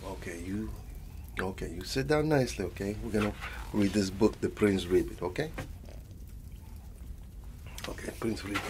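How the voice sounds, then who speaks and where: A man plays a fond, elderly grandfather with a Latin American Spanish accent in an ASMR roleplay, softly recounting a bedtime story in a patient storytelling mood. He rambles, repeats endearments, and alternates Spanish with English, leaving long pauses. His natural voice sits on the low side at normal speed, over a noisy background.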